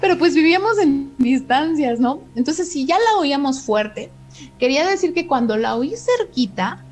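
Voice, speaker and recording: A woman's voice: high voice, lively intonation, normal speed, a little mellow, low-quality recording. A middle-aged woman with a Mexican accent tells a story in casual chat and acts out the quoted dialogue in shifting voices.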